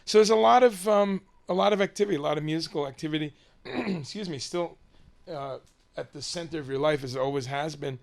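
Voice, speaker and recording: A man's voice: fairly high pitch, fairly quick, creaky, hardly any pauses. A man interviewing someone casually on camera, rambling and hesitant as he sets up his questions.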